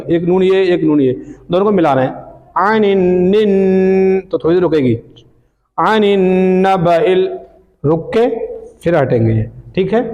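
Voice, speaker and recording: A man's voice: high-pitched, a little mellow, muffled recording. A man teaching Quran reading, patiently explaining rules and answering his own questions. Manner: patient, asks questions and answers them himself. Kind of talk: recitation lesson. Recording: long hall reverb.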